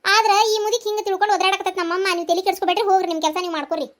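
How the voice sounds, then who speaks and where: A performer voicing a cheeky young child in a cartoon, with a North Karnataka accent and a brisk, matter-of-fact manner. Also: very high voice, a bit bright. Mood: insistent. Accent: North Karnataka Kannada. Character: cheeky young child, quick to argue back.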